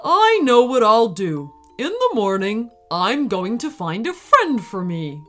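A woman voicing a lonely, gentle young male stegosaurus in a children's storybook, with a wistful, pleading tone. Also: on the high side, big pitch swings, slow, soft background music, heavily acted.

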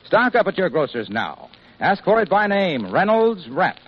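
A man's voice: high voice, sing-song, moderate pace, breathy edge. A man announcing in a chipper, polished 1950s radio advertising style, with upbeat salesmanship. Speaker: radio show announcer and sponsor pitchman. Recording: dull, lo-fi vintage radio recording.

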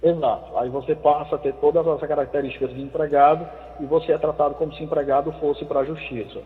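A man speaks over the phone as a legal expert on a radio show. His voice sits fairly high and comes through a thin, narrow line. There is a long echo trailing behind him, and he explains things in a measured, patient way. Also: level tone. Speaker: labor lawyer guest.

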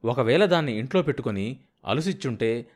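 A man narrating a novel as an audiobook reader in a steady, measured way. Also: medium pitch.

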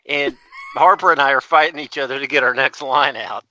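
A man's voice: mid-range voice, fairly quick, sharp tone, dry recording, dull audio. A man chatting casually as a podcast panelist in a crude, irreverent manner. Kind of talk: casual chat.

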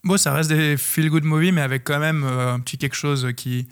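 A man's voice: a little high, fairly even intonation, fairly quick, clean tone. A man hosting a casual film podcast, hesitant and jokey, swearing and laughing now and then. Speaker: podcast host. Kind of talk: casual chat.

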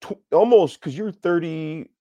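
A man hosting a sports radio show from a studio, chatting loosely with halting restarts. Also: fairly high pitch, warm tone, no echo, lo-fi sound. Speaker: radio host. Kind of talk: casual sports radio talk.

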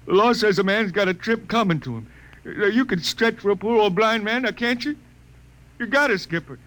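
A man's voice: high-pitched, expressive, fairly quick, a bit bright. An actor playing a stubborn old blind spaceman balladeer with a folksy American drawl in a 1950s radio drama. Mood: folksy, wheedling. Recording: very noisy vintage radio recording.

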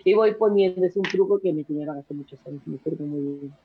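A young woman, a guest in a casual interview, talking fast and energetically with many restarts and repeated words. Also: deep voice. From Peru. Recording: husky voice over a tinny phone-like line.

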